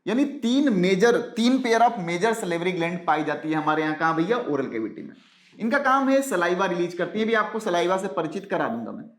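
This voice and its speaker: Guy with a fairly high voice doing an exam-prep biology lecture, keeps asking his own questions then answering, kinda echoey room. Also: very animated, brisk. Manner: rhetorical questions answered by himself; mixes English science terms into Hindi. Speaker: biology teacher.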